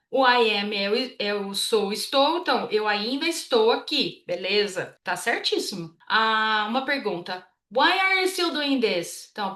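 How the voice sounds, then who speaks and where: A woman with a Brazilian Portuguese accent teaching English in a casual, chatty way, reading her example sentences slowly. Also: fairly high pitch, fairly bright tone, echoey room. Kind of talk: casual explanatory lesson.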